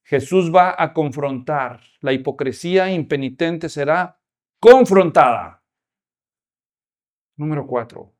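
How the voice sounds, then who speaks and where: A man preaching a sermon at a church conference, animated and acting out scenes with humor. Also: fairly high pitch, slow, long pauses.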